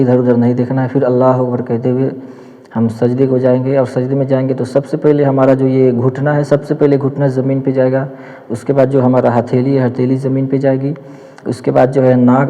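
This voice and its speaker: A man gives practical prayer instruction, repeating each step patiently as he shows it. His voice is very dark and mellow, with an even, flat delivery. A long reverb trails behind him, as if he is recorded in a big hall. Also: mid-range voice. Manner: patient, repetitive step-by-step explaining, demonstrating as he speaks. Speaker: Islamic teacher.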